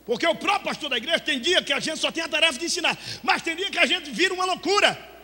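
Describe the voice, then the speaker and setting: A man preaching as a Pentecostal pastor, shouting and acting out the voices in his story, breaking into tongues. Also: very high voice, fast talker. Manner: shouting, dramatic, acts out dialogue, speaks in tongues. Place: church hall. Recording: church hall with long reverb.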